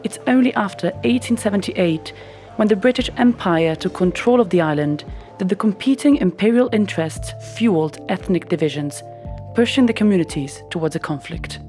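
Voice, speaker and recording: Mellow female documentary narrator. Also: medium pitch, lively intonation, moderate pace, soft background music.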